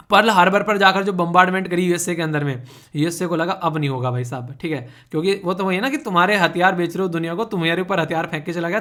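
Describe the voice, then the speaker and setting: A man's voice: sits high, fairly bright tone. A man teaching an online exam-prep lecture in a chatty, teasing way, dropping English terms into Hindi and often checking in with his students. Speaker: current affairs teacher.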